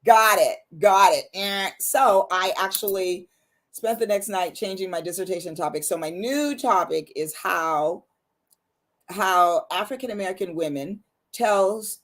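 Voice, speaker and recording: A middle-aged woman hosting a talk show, chatting casually and telling a lively story with acted-out quotes. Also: on the low side. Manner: animated storyteller, acts out quotes. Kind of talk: casual interview chat.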